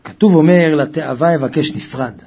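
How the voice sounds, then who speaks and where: A man delivers a Torah sermon with fervor, his voice high and gravelly. He swings between hushed, husky stretches and loud cries. The recording is dull and lo-fi. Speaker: preacher.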